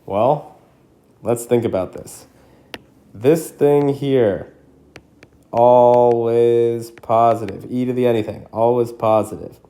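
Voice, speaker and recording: A man teaching calculus in a casual screencast lesson, thinking out loud and checking in with his students, coughing now and then. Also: mid-range voice, takes it slowly. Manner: casual, thinks aloud with frequent "right?". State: coughing repeatedly. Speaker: math teacher. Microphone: screencast recording mic.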